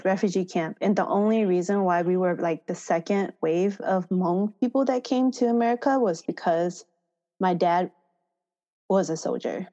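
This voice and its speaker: A woman born in Thailand, a farmer education manager, telling her story in a relaxed interview and laughing often. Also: on the low side. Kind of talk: casual interview conversation. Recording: slightly dull lo-fi sound.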